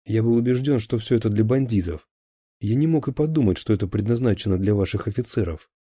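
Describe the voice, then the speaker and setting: A man's voice: fairly low pitch, quick pace, warm tone, husky, no room sound, clean studio sound. A man voicing a tense captured male security officer who gives clipped, defensive answers under interrogation.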